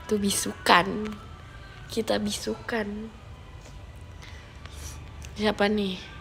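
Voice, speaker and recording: A young woman from Indonesia with a gravelly, dark-sounding voice, chatting playfully with viewers on a phone livestream. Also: medium pitch, little pitch movement, drawn-out words, soft background music. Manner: chatty, playful, drags out words. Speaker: idol livestreamer. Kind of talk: casual livestream chat. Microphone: phone livestream mic.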